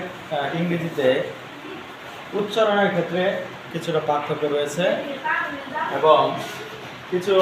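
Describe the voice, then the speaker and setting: Man teaching in an echoey room. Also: a little high. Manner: explains slowly, repeating example words. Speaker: English teacher. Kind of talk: online lesson explaining to students. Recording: echoey room, mic far off, noise.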